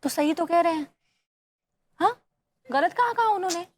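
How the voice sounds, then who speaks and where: An actress in a TV sitcom playing a wife who scolds and gives brisk orders. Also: female voice, very high voice, expressive.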